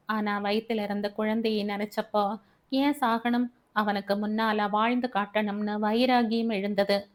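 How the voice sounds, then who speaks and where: A woman's voice: mid-range voice, fairly even intonation, unhurried. A woman with a Tamil accent narrating a family audio novel in first person, earnest and emotional.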